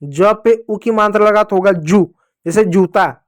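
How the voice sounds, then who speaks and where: A man teaches young children the Hindi vowel signs, drawing out each syllable slowly so they can repeat after him and affectionately calling them dear children. His voice sits high, with no echo and studio-quality sound.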